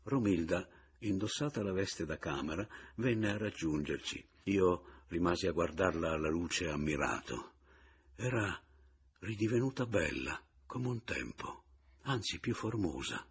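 A man reading a novel aloud for radio in measured, dramatic narration. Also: deep voice, expressive, slightly rough. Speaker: audiobook reader.

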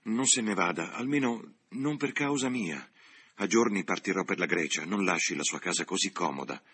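A man's voice: deep voice, animated, fairly bright tone, breathy edge, voice pushed up, exaggerated voice. A man doing an earnest anxious young woman. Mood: pleading. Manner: hurried, pleading.

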